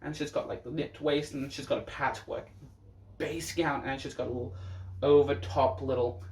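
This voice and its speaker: A sassy drag performer casually and bluntly reacts to looks, speaking in a mid-range, slightly mellow voice at normal speed with fairly even intonation. The mic is distant, so the sound has a roomy echo.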